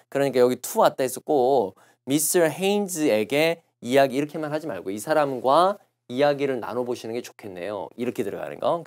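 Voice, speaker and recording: A male lecturer teaching English test strategy in a recorded class. His pitch swings up and down a lot as he explains. He keeps to a middle register and patiently repeats phrases slowly to model pronunciation. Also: a little mellow.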